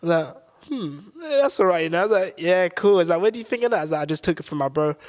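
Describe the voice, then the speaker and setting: A man's voice: on the high side, animated, rapid-fire, darkish tone. A man telling a loose story as a guest, giggling and quoting his friends. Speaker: crew member guest. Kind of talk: casual storytelling. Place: small DIY studio.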